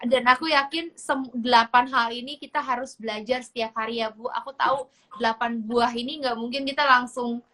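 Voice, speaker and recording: A woman's voice: fairly high pitch, steady tone, fairly quick, fairly bright tone. A woman hosting a casual church talk show, agreeing with her guest and summing up her points. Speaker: host.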